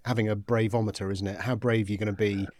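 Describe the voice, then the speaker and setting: A man's voice: on the low side, flat delivery, quick pace, darkish tone, no echo, studio quality. A man hosting a podcast, chatting casually and reading out listener messages. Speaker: podcast host. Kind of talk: casual interview chat.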